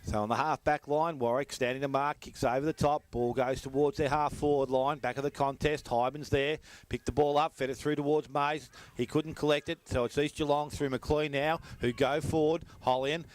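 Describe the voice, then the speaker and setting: An Australian man giving rapid running play-by-play commentary on a local football match. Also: on the high side, fairly even intonation.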